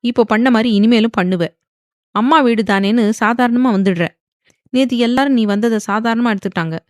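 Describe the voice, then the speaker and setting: A woman's voice: on the high side, moderate pace, no echo, clean studio sound, lightly acted. A woman voicing a patient middle-aged mother who firmly lectures her daughter. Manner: firm, lecturing.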